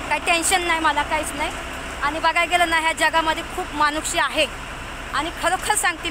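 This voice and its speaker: Chatty high-voiced woman vlogging on the road. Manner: chatty, talks to viewers and the friend filming. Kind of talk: casual travel vlog. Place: in a car, then at a bus depot. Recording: noisy phone video from a car and a depot. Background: traffic and street noise.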